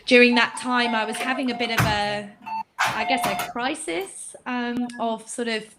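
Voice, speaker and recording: A woman raised abroad, now a shop owner, talking casually in a webinar interview with many pauses and fillers. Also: on the high side, over music. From England, raised in Greece. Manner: hesitant, many fillers, laughs easily.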